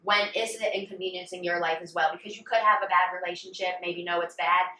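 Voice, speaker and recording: Female podcast co-host, bright and chatty, distant echoey room with faint ambience. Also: fairly low pitch, fast talker, slight background noise. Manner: chatty, animated storytelling with quoted voices. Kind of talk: casual chat.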